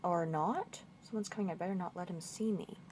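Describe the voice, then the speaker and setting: A woman's voice: fairly low pitch, a little fast, a little mellow, slight background noise. A woman playing through a game walkthrough, thinking aloud and muttering confused questions as she goes. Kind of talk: casual gameplay commentary.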